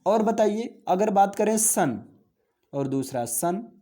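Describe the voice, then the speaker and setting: A man's voice: high voice, expressive, dark tone. A man teaching an English grammar lesson. He explains step by step, mixing English terms into his talk, asking questions and answering them himself. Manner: mixes English terms into Hindi, reads English lines out slowly. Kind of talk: classroom-style grammar lesson.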